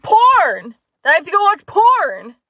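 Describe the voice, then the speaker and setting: A sulky, pushy young man mutters low and dismissively, as a woman puts him on. He speaks slowly in a dry, close room. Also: fairly even intonation, vocal fry, fairly bright tone, no room sound, exaggerated voice. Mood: whiny.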